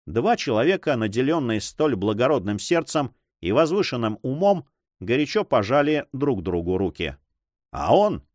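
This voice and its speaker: A man narrating an adventure novel in an expressive, measured reading. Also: medium pitch, dry recording, clean studio sound. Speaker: audiobook narrator. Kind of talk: scripted narration.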